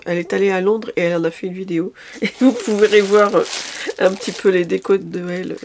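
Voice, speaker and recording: A woman's voice: mid-range voice, steady tone, brisk, a little mellow, a little hiss or hum. A woman chatting casually through a shopping haul video, a little tired, hesitant, with many fillers and restarts. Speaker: lifestyle vlogger.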